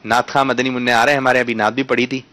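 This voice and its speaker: A man hosting a quiz for children, coaxing them patiently to pronounce words correctly and breaking into loud announcements when they get it right. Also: mid-range voice, level tone.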